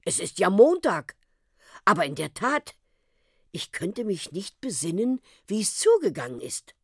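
A woman's voice: mid-range voice, sing-song, measured pace, breathy edge, no room sound, clean studio sound, voice pushed up, heavily acted. A woman voicing an awkward middle-aged uncle who speaks formally in a storybook reading. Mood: puzzled.

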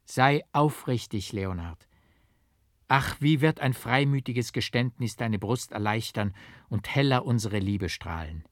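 A man's voice: medium pitch, unhurried, dry recording, studio quality, natural voice. A man voicing a pious, anxious young woman who pleads with her beloved in a storybook reading. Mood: pleading.

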